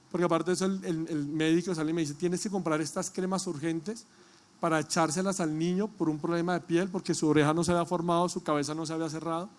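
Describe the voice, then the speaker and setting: High-voiced man preaching a sermon. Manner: emotional storytelling, rising to loud calls to the congregation. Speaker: pastor. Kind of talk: sermon with personal testimony.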